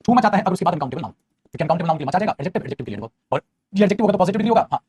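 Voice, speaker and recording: A man teaching English grammar in a fast classroom style, repeating phrases and calling students "beta". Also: high-pitched, expressive, darkish tone, slight background noise.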